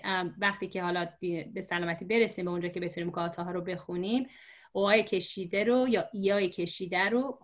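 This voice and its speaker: A woman teacher telling a story to explain letters, patient and slow, with many fillers. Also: lowish voice. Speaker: religious script teacher. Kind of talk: storytelling lesson for learners.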